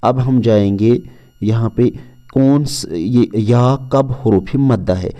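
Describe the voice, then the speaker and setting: A man teaching pronunciation in a slow, step-by-step lesson, patiently repeating each rule and drawing out the example sounds. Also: medium pitch, warm tone.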